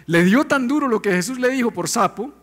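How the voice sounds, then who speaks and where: A male pastor preaching a sermon in an animated, conversational way, full of rhetorical questions. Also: very high-pitched, a little fast, soft background music.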